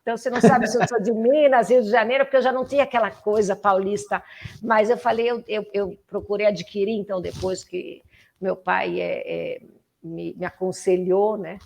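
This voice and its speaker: Brazilian-accented woman, 50s, podcast guest; lively storyteller who restarts often. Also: mid-range voice, a little fast, vocal fry. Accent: Brazilian Portuguese. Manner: animated storyteller, many restarts and fillers. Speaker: interview guest, political activist. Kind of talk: casual conversational interview.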